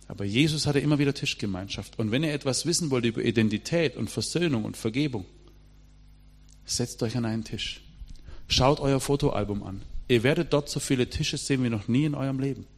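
Middle-aged preacher giving a sermon. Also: male voice, fairly low pitch. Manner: emphatic, addresses the congregation directly.

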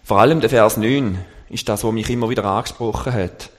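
A man giving a sermon at a halting pace, searching for words and slowing down for scripture quotes. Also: fairly low pitch. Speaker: lay preacher. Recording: long church reverb.

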